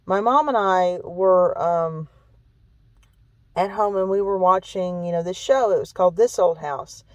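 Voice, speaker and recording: A shaken woman vlogger goes over a hurtful personal story in a lowish voice at a measured pace. Repetition and emphasis mark her delivery, with frequent "okay?" and "really" thrown in. The recording is rough, though there's no room sound.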